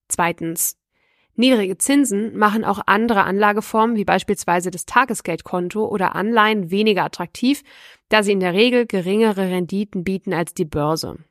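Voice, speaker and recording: A woman's voice: mid-range voice, no echo, studio quality. A woman hosting a finance podcast, reading a scripted explainer in a structured, instructional way that addresses the listener directly.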